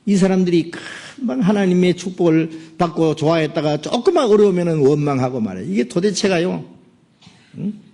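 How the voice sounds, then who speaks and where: Middle-aged male pastor, husky and lively, a sermon full of call-outs to the listeners. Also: high voice, brisk. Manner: frequent "예?" and "응?" prompts to the listeners; acts out Moses' angry words in a raised voice.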